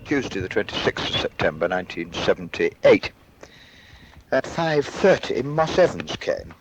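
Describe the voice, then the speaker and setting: A middle-aged man dictating his diary in measured, dated entries with uh and um pauses, heard from a worn tape copy. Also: lowish voice, big pitch swings. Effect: worn tape copy, muffled with hiss. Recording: muffled old cassette tape with hiss.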